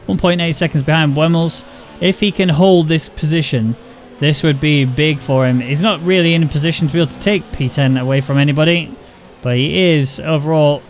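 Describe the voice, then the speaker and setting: A man's voice: a little high, a little hiss or hum. A man giving play-by-play on an online racing league with a co-host. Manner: steady play-by-play, relaxed chatter between calls. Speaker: co-commentator. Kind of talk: live sim racing commentary.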